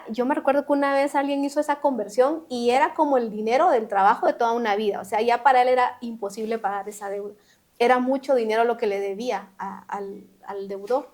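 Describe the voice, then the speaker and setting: A woman with a slightly high-pitched voice hosts a faith podcast. She retells a parable and exhorts her listeners in an earnest, preacherly way. Her delivery stays conversational. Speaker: podcast host.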